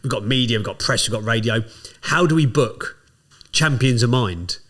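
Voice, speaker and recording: A man, a podcast guest, telling stories in casual chat and swearing freely. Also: medium pitch. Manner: fast, swears freely, animated storyteller.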